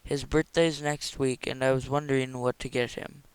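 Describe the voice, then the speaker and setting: A man reading aloud voices an eager woman explaining a birthday gift, talking quickly. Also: mid-range voice, flat delivery, smooth, dry recording, close to an everyday voice, low-quality recording.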